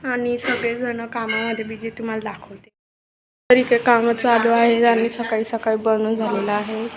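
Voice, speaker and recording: A woman's voice: on the high side, level tone, normal speed. A woman vlogging casually, chatting to viewers as she shows her family's morning around the house. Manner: chatty, showing things around to the camera. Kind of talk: casual vlog narration to viewers. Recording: noisy outdoor ambience.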